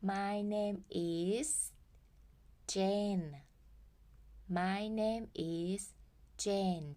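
A woman with a Thai accent teaching English to young children, patiently spelling out words and sounding out each phrase. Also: darkish tone. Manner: very slow, patient, spells words out and sings greetings high. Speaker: primary school English teacher. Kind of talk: slow, drawn-out worksheet lesson for young children.

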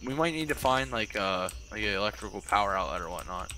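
A man's voice: fairly low pitch, lively intonation, fast, sharp tone. A young man, a scared and jumpy horror game streamer chatting casually with a friend as he plays. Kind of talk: casual gameplay commentary with a friend.

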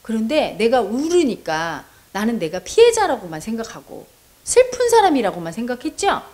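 A woman's voice: on the high side, huge pitch swings, moderate pace, darkish tone. A woman meditation teacher counseling a viewer, talking straight to her with earnest, coaxing prompts. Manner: addresses the listener directly with coaxing prompts; earnest, persuasive, acts out quoted voices. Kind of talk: counseling talk answering a viewer's question.

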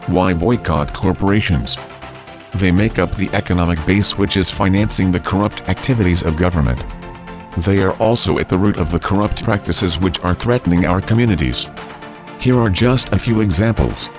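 A man reads a scripted political message as narrator, in a solemn, measured way. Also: low voice. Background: music.

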